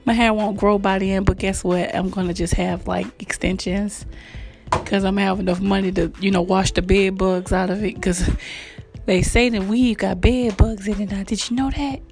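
A woman hosts her podcast in a loose, chatty way, teasing and laughing as she goes. Her voice sits at a middle pitch, with soft music faintly under her. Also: steady tone, normal speed, gravelly. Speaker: podcast host. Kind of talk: casual motivational chat.

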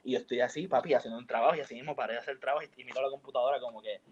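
A man's voice: mid-range voice, steady tone, rapid-fire, slightly rough, dull audio. A young man, telling a story in slangy, emotive casual chat as a podcast host. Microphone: headphones on, studio mic.

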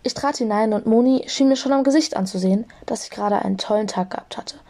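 A young woman narrating a fan audiobook in a lively storytelling manner. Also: on the high side, fast talker.

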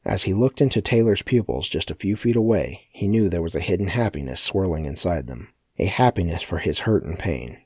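A man narrating a story as an audiobook in a steady, matter-of-fact way. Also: low voice, fairly quick, hardly any pauses, husky, no echo, studio quality. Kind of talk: scripted narration.

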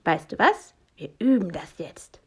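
A woman's voice: lowish voice, very animated, a little slow, husky, full character voice. A woman voicing a cheerful, brave male skunk, bold and coaxing in a storybook. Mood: eager.

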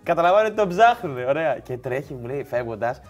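A man telling a long funny story in casual chat, animated and quick to laugh. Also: medium pitch, faint music behind.

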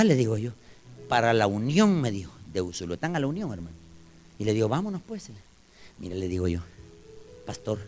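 Male pastor, preaching loudly and animatedly, lively rising and falling pitch, faint music underneath. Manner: shouts when preaching, animated storytelling. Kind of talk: sermon.

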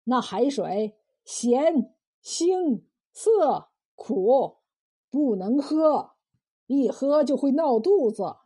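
A woman voicing a blunt, wise old male fisherman in a told folk tale, drawing out his words in a slow folksy way. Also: high voice, animated, dark tone, slightly rough, full character voice. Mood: lecturing. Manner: slow, drawn-out folksy speech. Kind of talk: storytelling role voice.

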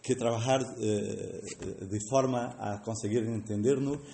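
A native Portuguese-speaking man with a Portuguese accent, giving a short public speech and haltingly searching for words. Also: on the low side, steady tone, gravelly, mellow. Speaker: guest speaker at an event. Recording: echoey room with faint noise.

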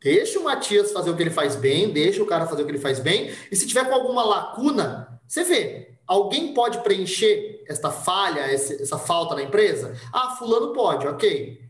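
A man from Brazil telling a personal story in casual conversation, with lively delivery and voices acted out for the people in it. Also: high voice, moderate pace, hardly any pauses, roomy sound. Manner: animated, acts out voices in anecdotes. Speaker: podcast guest.

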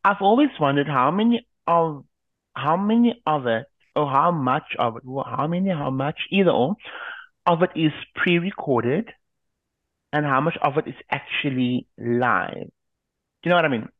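A man's voice: on the high side, expressive, normal speed, no room sound. Man chatting over a tinny line. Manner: rambling, many restarts and fillers. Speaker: podcast co-host. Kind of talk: casual chat. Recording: tinny phone-like line, dry.

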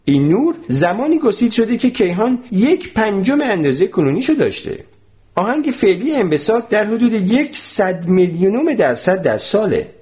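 A man narrating a storybook in an expressive, animated way. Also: high voice. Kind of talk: storybook reading.

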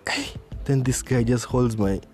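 A young Kenyan man telling a rowdy, swear-heavy story on his podcast, slipping into Swahili mid-sentence. His voice is mellow and dark. Faint music plays underneath. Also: medium pitch, unhurried. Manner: animated, swearing, switching into Swahili. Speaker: podcast host. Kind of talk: profane storytelling monologue.

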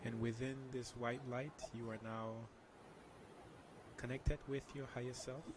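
A man leading a guided meditation in a soft, hushed, soothing voice, slowly and with long pauses. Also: medium pitch, little pitch movement, background noise. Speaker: meditation guide, interview guest.

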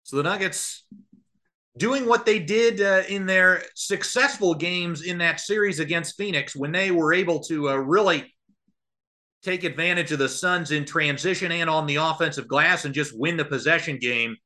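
A man with a somewhat high, sharp-toned voice speaks at a moderate pace while calling a live basketball game as a radio play-by-play commentator. He describes the plays in short present-tense phrases and adds analysis.

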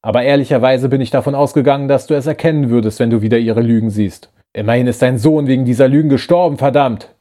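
A man's voice: medium pitch, quick pace, few pauses, warm tone, lightly acted. A man voicing a bitter rebel who betrayed his old friend, talking in an urgent, reproachful way in a science-fiction audiobook. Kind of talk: audiobook character voice.

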